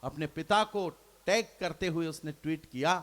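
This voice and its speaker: Man, fairly high voice, poet on stage, impassioned declamation, repeats couplets, addresses the audience, stage mic. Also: normal speed, a bit bright. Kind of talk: impassioned poetry recital at a live poets' gathering. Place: stage at a public poetry gathering.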